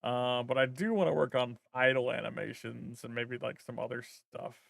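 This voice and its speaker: A male vtuber streamer chatting casually with his viewers, rambling and thinking aloud with plenty of fillers. His voice has a gravelly edge, recorded dry and close with no room sound. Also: mid-range voice, fairly even intonation, moderate pace, fairly bright tone, dry recording. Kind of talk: casual stream chat while working.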